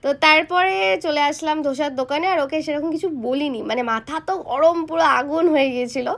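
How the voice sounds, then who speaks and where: A woman's voice: high voice, quick pace, fairly bright tone. A young adult woman, a mother, narrating her day in a casual vlog and talking straight to her viewers in a chatty way. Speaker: mother vlogger.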